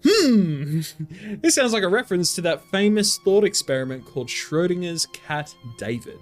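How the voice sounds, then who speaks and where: Excitable man co-hosting a gaming chat. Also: sits high, soft background music. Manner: excitable, laughs often, quick and rambling. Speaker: co-host.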